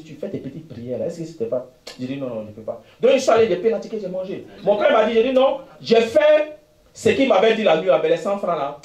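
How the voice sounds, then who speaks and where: A man preaching in French-speaking style, his fairly high voice ringing around an echoey room. He moves from quiet storytelling to bursts of shouting and laughter, calling out to his congregation. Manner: animated storytelling, frequent "frères et sœurs" addresses, laughs and shouts. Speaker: pastor. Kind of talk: sermon with personal testimony.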